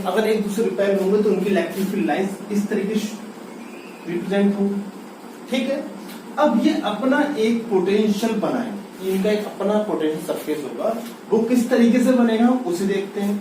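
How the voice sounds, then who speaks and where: A man's voice: high voice, a little mellow, slight background noise. A man teaching physics in a classroom-style lecture, asking questions and answering them himself, repeating key terms. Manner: repeats key terms, mixes English into speech. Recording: echoey room, voice from far off.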